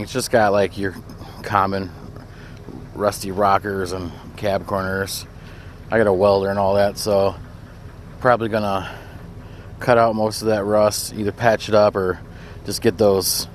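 A young man from Wisconsin chats casually outdoors next to his pickup, in a fairly low voice. He rambles with plenty of fillers, recorded on a handheld phone with faint outdoor noise behind him. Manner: laid-back, rambling, lots of fillers. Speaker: vlogger showing his truck. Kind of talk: casual walkaround vlog. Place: outdoors beside a pickup truck.

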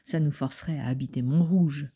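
A woman voices a coarse young housemaid, offhand and colloquial. The voice sits low and mellow with a husky edge, as in a quiet audiobook reading. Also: brisk. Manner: curt, colloquial.

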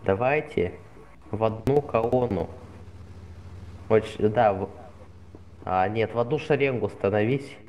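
Low-voiced man as a commanding drill sergeant. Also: measured pace, long pauses, a little mellow, a little hiss or hum. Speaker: drill sergeant in an online military role-play. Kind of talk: military drill commands in game voice chat.

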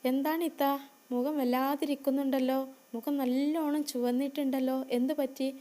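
A woman's voice: sits high, little pitch movement, moderate pace, mellow, natural voice. A woman playing a hot-tempered but caring younger brother who talks earnestly and firmly. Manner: earnest, pleading and firm.

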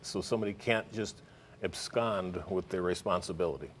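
A man's voice: low-pitched, normal speed, slight background noise. A middle-aged man, a financial planner, explaining things steadily as a guest on a morning news show in a TV studio.

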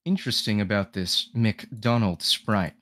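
A streamer voicing a cold, smug villain in a low, dry, mock-polite tone. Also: unhurried, fairly bright tone, natural voice.

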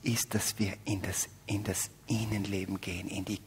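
An older man from the Salzburg region with an Austrian accent, giving a spiritual talk at a faith festival, joking with the audience and swinging between loud exclamations and hushed whispers. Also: fairly low pitch, flat delivery, normal speed, a little hiss or hum. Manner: humorous, addresses audience directly. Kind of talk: spiritual talk to young adults. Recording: long hall reverb.

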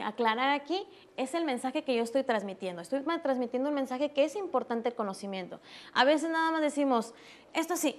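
High-pitched mexican woman showing baby textures on a morning tv show, slow gentle explaining. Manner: explains slowly, softens words for babies. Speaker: early stimulation instructor.

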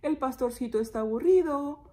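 A woman's voice: sits high, normal speed, warm tone, lightly acted. A woman voicing annoyed village grown-ups who no longer believe the shepherd boy. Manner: grumbling, dismissive.

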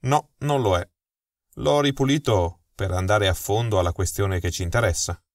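A man voicing a calm, amused detective in an audiobook mystery, unruffled and dryly chuckling. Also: fairly low pitch, moderate pace, no room sound, close to an everyday voice. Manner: unflappable, dry chuckle. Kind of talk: audiobook dialogue.

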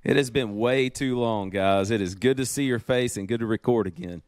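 A middle-aged man co-hosts a podcast from his office and tells stories with real enthusiasm. His voice is smooth and resonant, at a middle pitch. The recording is dry and close. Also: moderate pace, darkish tone, no room sound. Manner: enthusiastic storyteller. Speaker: podcast co-host. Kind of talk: casual podcast chat. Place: home office.

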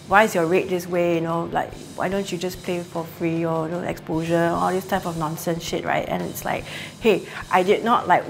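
Frank woman, slightly low voice. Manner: frank, emphatic, casual swearing. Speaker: professional musician. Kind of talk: documentary interview.

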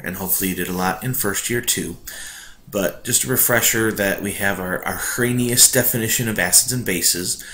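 A male teacher giving a recorded online chemistry lesson, his voice echoing like a cave because he lacks a proper microphone. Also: fairly low pitch. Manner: relaxed, conversational explaining. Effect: cave-like echo. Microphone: built-in computer mic. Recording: echoey room without a proper mic.

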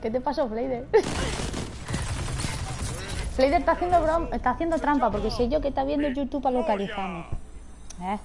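A woman's voice: sits high, moderate pace, vocal fry, pauses often, crowd noise. A woman from Spain with a thin, piping voice and a peninsular accent, chatting casually and teasingly while playing a game. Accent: Spanish (Spain). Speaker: video game streamer. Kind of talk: casual chat while gaming.

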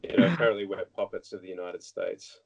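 Australian male guest in his thirties, lowish register, frank anecdotal talker. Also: fairly even intonation, fast, creaky, a crowd in the background, low-quality recording. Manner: frank, anecdotal, frequent restarts. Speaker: guest politician. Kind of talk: casual interview chat.

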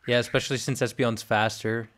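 A man's voice: medium pitch, flat delivery, fairly quick. A young man hosting a podcast, chatting casually and hesitantly as he comments on a game. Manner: soft-spoken, hesitant, trailing off. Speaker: podcast host.

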